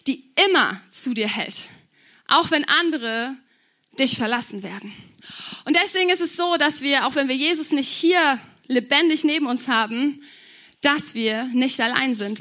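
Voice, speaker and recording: A young woman preaching to a youth group in a casual, chatty, lively way with some youth slang. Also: high voice, unhurried. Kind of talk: sermon.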